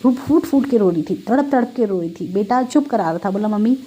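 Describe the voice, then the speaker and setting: A woman's voice: medium pitch, expressive, fairly quick, mellow, slightly rough. Woman telling a heartfelt devotional story. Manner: heartfelt storytelling, often addresses the listeners directly; conversational, with everyday Hindi-English mixing. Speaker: devotee giving testimony. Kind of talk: spiritual testimony to a congregation.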